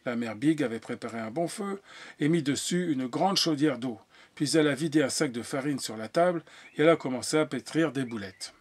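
A man reading a folk tale aloud, pausing with fillers and restarting lines as he voices the characters. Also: mid-range voice, a little mellow, slightly rough. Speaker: storyteller. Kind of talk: storybook reading.

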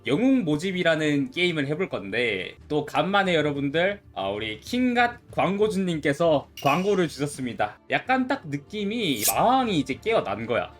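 A man's voice: on the high side, sing-song, moderate pace, hardly any pauses, soft background music. A man doing casual, chatty let's play commentary, thinking aloud as he goes. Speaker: YouTube game streamer.

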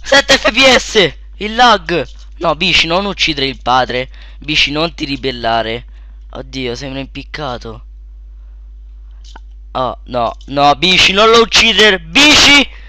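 A young man giving casual let's play commentary, shouting at sudden deaths and then muttering quietly to himself, close to a desk mic. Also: takes it slowly, a little hiss or hum. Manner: excitable, yelps and shouts at in-game deaths, then mutters low.

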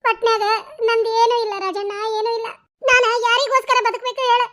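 A woman voicing a grieving, gentle widowed woman in a cartoon, speaking mournfully with a North Karnataka Kannada accent. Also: very high-pitched, fairly even intonation, brisk. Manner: mournful, pleading.

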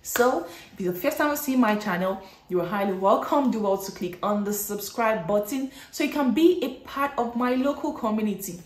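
A woman's voice: mid-range voice, animated, moderate pace. Chatty woman vlogger in an echoey room. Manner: chatty, encouraging, addresses viewers as guys. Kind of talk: advice vlog to camera. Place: living room indoors.

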